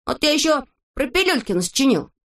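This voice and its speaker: A boastful little storybook fellow with a high, childish voice that rises and swoops as he talks, played by a woman. He sounds cheerful and unbothered, with a bright, bouncy delivery. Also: big pitch swings, brisk, full character voice. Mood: carefree. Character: boastful carefree little male shorty.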